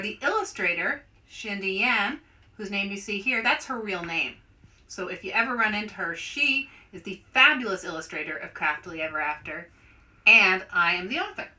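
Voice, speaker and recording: Speaking straight to young listeners, a woman with a mid-range voice hosts a lively children's read-aloud as its author.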